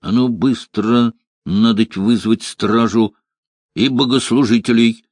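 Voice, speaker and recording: A man's voice: mid-range voice, fairly even intonation, slow pace, darkish tone, dry recording, studio quality. A man voicing a fussy, nervous male innkeeper.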